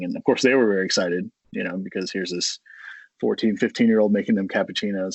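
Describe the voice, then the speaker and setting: A man's voice: low-pitched, a bit bright, dry recording, low-quality recording. A young American man, a coffee company co-founder, talking as a guest in a friendly, rambling way with many fillers. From United States. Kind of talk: casual interview.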